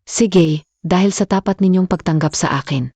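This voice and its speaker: Commanding old granny, low dark voice, teasing, dubbed drama. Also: female voice, normal speed, slightly rough, no echo, faint music behind. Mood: bossy. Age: older. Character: bossy, doting older grandmother.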